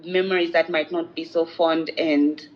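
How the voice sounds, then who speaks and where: A woman's voice: low-pitched, little pitch movement, normal speed. A young woman from Zambia answering interview questions in an earnest, reflective way. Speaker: interviewee, feminist advocate. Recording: dull lo-fi sound.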